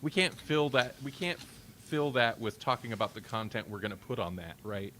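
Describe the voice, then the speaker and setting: A man's voice: medium pitch, animated, normal speed, a bit bright, a little hiss or hum. A man hosting a casual podcast, talking in a rambling, wry way and often interrupting himself. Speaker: podcast host. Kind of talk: casual banter on a live-streamed podcast.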